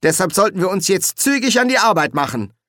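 A man voicing a smug, pompous young male film producer who speaks loudly and brightly. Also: high-pitched, very animated, a little fast, dry recording, clean studio sound, voice pushed up, exaggerated voice. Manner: loud, bright and self-satisfied.

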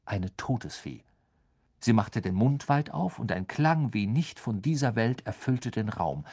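Casting: male storyteller, lively and dramatic, with a melodic, wide-ranging pitch in scripted narration. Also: unhurried, husky. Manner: expressive, dramatic reading with many voice shifts. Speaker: audiobook narrator.

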